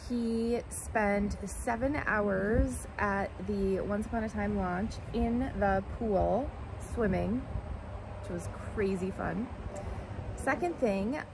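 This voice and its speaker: A woman's voice: medium pitch, slow pace. A woman co-hosting a podcast in casual conversation, recorded outdoors in a backyard. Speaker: podcast co-host. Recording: outdoor recording with clear background noise.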